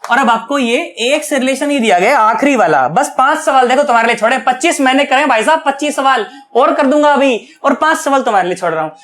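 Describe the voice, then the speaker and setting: A man's voice: extremely high pitch, animated, quick pace, hardly any pauses, a bit bright. A male physics teacher giving an online video lecture, chatty and coaxing, often checking that students follow, earnest and affectionate toward them.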